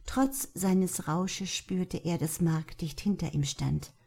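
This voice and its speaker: A woman narrating a novel in a steady, even audiobook reading. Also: lowish voice, slow pace, creaky, slightly rough. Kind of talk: scripted narration.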